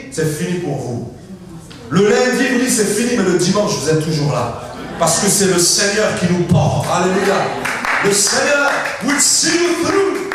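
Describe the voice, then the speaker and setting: A French-speaking male pastor, whose first language is French, delivers a Pentecostal sermon in a large church hall, heard from a distance through very heavy echo. His voice is high-pitched and emphatic, with call-and-response, frequent hallelujahs, and lively pitch swings. He sometimes drops to quiet asides and jokes.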